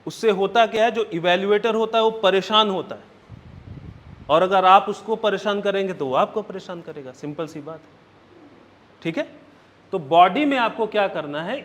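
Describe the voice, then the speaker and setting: A man's voice: high voice, lively intonation, normal speed, fairly bright tone. A male coaching teacher, giving a classroom lecture, laying out points one by one and asking "right?" often. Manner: checks in often with "right?" and "okay?"; explains step by step, counting points aloud.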